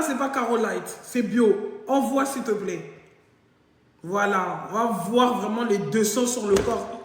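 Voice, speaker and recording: A woman's voice: on the high side, slight background noise. Woman telling stories in an echoey room. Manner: animated, jokey, acts out both sides of dialogue. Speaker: live-stream host. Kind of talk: casual storytelling monologue. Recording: very echoey room with long reverb.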